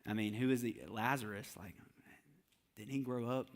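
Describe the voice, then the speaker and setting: A man voicing a scheming religious leader who sways a crowd in a hushed, sly, persuasive tone. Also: mid-range voice, level tone, fast, smooth, pitched below the performer's own voice, close to an everyday voice. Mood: conspiratorial.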